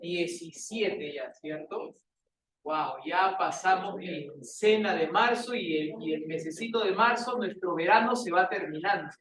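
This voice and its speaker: A man's voice: high voice, measured pace, a bit bright, a little hiss or hum. A male teacher with a Peruvian accent, teasing and joking with his students during a classroom lecture. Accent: Peruvian Spanish. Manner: playful, teasing banter with students. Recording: echoey classroom recorded from a distance.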